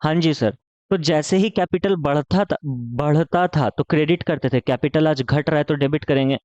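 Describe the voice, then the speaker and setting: A man's voice: on the high side, moderate pace, a little mellow, dry recording, muffled recording. A man teaching an accounting lesson in a playful, chatty tone, asking questions in his students' voice and answering them himself. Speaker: commerce teacher.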